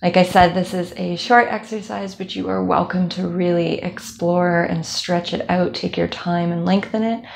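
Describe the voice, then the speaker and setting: A young woman instructor leading a calm guided body scan meditation, speaking slowly with soft fillers. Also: on the low side, gravelly. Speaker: movement instructor.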